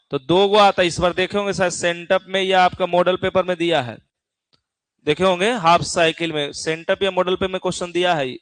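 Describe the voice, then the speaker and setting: A middle-aged man from Bihar, India, teaches an exam-prep physics class in a folksy style, his Bihari accent clear and his high, fairly bright voice frequently checking in with students. The recording has no room sound.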